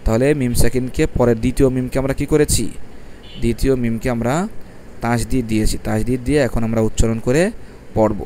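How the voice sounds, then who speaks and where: A man teaches Quran reading step by step. He spells out letters one by one, stretches the syllables slowly, and asks questions that he answers himself. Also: mid-range voice, level tone, dark tone, slight background noise. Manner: asks questions and answers them himself, repeats each rule. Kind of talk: step-by-step recitation lesson.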